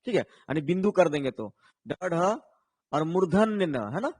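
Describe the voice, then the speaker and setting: A man's voice: fairly high pitch, lively intonation, unhurried, darkish tone, slightly rough, dry recording. A man teaching an online exam-prep lesson, explaining patiently and often checking in with his viewers. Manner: explains patiently, tags lines with "है ना", answers viewers' comments.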